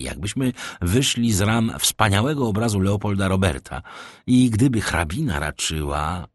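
A man's voice: sits low, no room sound, studio quality, exaggerated voice. A man voicing a vain, witty young Frenchman in an audiobook, speaking in a boastful, theatrical way.

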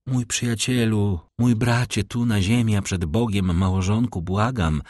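A man's voice: fairly low pitch, steady tone, measured pace, darkish tone, no echo, clean studio sound. A man reading an audiobook, voicing a desperate, pleading young woman in love with a tearful, raised voice. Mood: imploring. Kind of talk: audiobook reading of a classic novel.

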